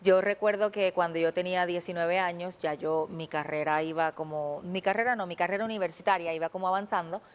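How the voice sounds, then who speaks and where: With a Puerto Rican Spanish accent, a TV journalist from Puerto Rico in her thirties shares her story as a guest in a studio interview. Her lowish voice is smooth and fairly quick, with hardly any pauses. She is earnest and animated, quoting her own earlier thoughts.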